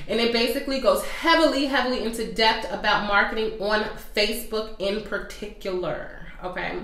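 A woman's voice: fairly high pitch, fairly bright tone, roomy sound. A young woman who owns a small business, talking casually and directly to her viewers in a friendly, chatty way with plenty of fillers. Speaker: small business owner and coach. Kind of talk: casual vlog talk to viewers.

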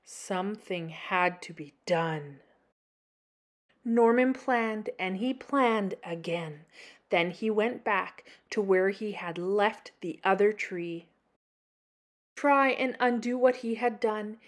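She's a Canadian story-time host with a mid-range voice, giving an expressive reading of a children's picture book full of dramatic pauses and emphasis.

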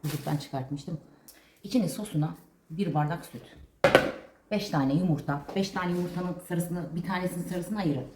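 A mother vlogging casually, coaxing and calling to her dog in a high sing-song voice. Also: normal speed, noisy background. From Turkey. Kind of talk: casual family vlog.

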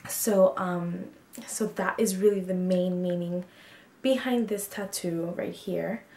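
Talking slowly in a steady, mellow tone on the low side, a woman in her twenties, twenty-two, opens up to camera in a get-to-know-me video, peppering her speech with ums and likes. The beauty vlogger films in a small, echoey bedroom with slight background noise.

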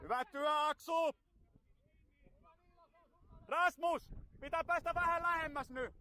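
A man coaching a youth football team from the sideline outdoors, loudly calling encouragement and instructions to his players. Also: very high-pitched. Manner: loud, rapid encouragement and instructions.

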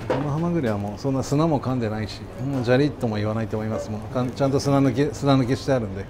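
A man with a mid-pitched voice talks quickly as a working chef, chatting politely with customers and instructing staff. He explains things in an exacting way, with clear restaurant noise behind him. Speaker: sushi chef and restaurant owner. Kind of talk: casual polite talk with customers and staff at work.

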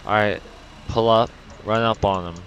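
A young man chats loosely over his gameplay. He swears a lot and drifts from thought to thought in street slang. His voice sits a bit low, with faint background noise. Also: steady tone, unhurried, fairly bright tone, muffled recording. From New York. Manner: slangy, profane, rambling. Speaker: let's play gamer. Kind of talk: casual gameplay commentary. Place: at home.

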